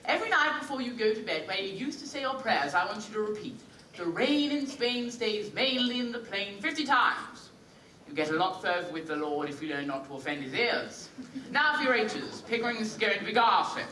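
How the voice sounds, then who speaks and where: A man's voice: sits high, big pitch swings, brisk, sharp tone, slight background noise, full character voice. An actor playing an impatient phonetics professor in a stage musical. He lectures and repeats his corrections in exasperation. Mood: lecturing. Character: impatient male phonetics professor, brisk and bossy. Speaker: student actor. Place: school theatre stage. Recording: echoey hall from far off.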